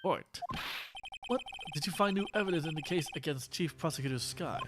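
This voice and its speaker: A man's voice: a little high, brisk, background noise, close to an everyday voice. A man voicing a stern, irritable, precise prosecutor from a video game, formal and curt. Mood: stern, annoyed. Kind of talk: reading video game dialogue aloud.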